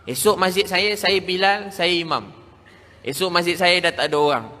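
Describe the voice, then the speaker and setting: A man's voice: high voice, moderate pace, sharp tone. A man with a Malaysian Malay accent preaching a storytelling sermon, emphatic and repeating phrases for stress. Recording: long hall reverb.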